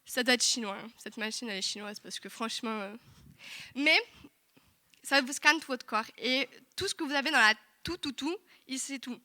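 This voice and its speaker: A young woman giving a lively, chatty testimony in church, full of asides to the congregation. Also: fairly high pitch, moderate pace. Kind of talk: sermon testimony. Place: church hall.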